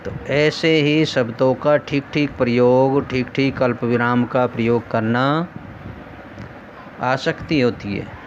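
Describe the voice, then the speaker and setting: A man's voice: mid-range voice, a little hiss or hum. A man teaching a lesson, explaining things step by step and asking rhetorical questions along the way. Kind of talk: recorded lesson. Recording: dull lo-fi recording.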